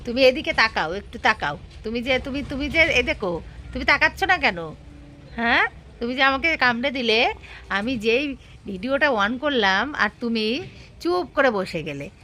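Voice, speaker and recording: A woman's voice: a little high, expressive, moderate pace, pushed and bright, a little hiss or hum. A woman filming her pet dog at home on a phone, talking to it in coaxing, repetitive baby talk. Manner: coaxing, sing-song, repeating herself. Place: home, indoors.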